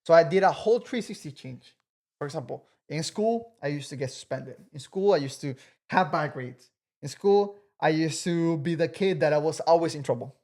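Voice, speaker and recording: A man's voice: a little high, animated, moderate pace, a little mellow. An earnest young man in his twenties chatting as a podcast guest. He talks freely, circling back on himself and padding his sentences with casual fillers. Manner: earnest, talkative, many "like" fillers.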